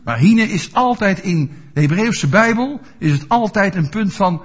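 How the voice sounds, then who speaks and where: A man's voice: sits high, lively intonation, unhurried, breathy edge. A male preacher giving a sermon, asking his listeners rhetorical questions and explaining scripture with everyday examples. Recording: dull lo-fi recording.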